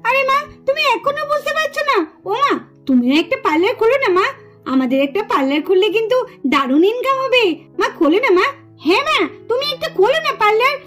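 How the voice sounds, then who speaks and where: An excited young cartoon daughter, who keeps begging and coaxing her mother. Her voice is piping and very high, with a bouncy, lively pitch. Faint music plays behind her. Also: fast, heavily acted. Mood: pleading. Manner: breathless, pleading, coaxing.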